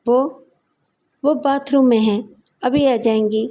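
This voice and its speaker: Woman doing a rough threatening husband. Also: on the high side, fairly even intonation, warm tone, close to an everyday voice. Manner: gruff threats, then pleading. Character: rough, bullying servant husband, grown man.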